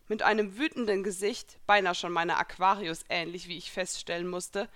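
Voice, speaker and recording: A woman reading a first-person fan fiction story aloud, with lively, expressive storytelling. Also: mid-range voice. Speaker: audiobook narrator.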